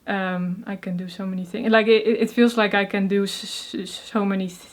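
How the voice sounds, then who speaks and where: In a casual interview, a young woman from the Netherlands with a Dutch accent talks briskly in a mid-range voice with fairly even intonation. Soft-spoken, she stutters on the first sounds of words, uses many fillers and laughs frequently.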